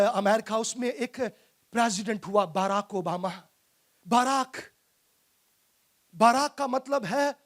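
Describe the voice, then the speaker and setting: A man preaching a sermon as a guest pastor, with a Pakistani Urdu accent, fervent, moving between loud calls and hushed asides. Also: very high-pitched. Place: church main hall.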